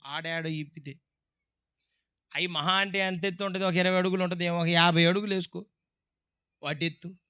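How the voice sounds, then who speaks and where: A male pastor giving a dramatic sermon. His voice sits high and sounds bright and ringing. He swings between hushed passages and loud bursts. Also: steady tone, fairly quick, long pauses, smooth.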